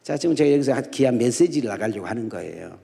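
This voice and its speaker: In a big church sanctuary at dawn prayer, a middle-aged guest pastor tells funny stories in his sermon and repeatedly quizzes the congregation with call-and-response questions. He talks fast and animatedly, his medium-pitched voice creaky yet mellow, with echoey hall reverb around him.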